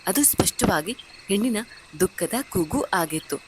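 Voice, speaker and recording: A woman's voice: mid-range voice, expressive, measured pace, noisy background, natural voice. A woman doing an eager younger sister, Kaveri. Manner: eager, urgent.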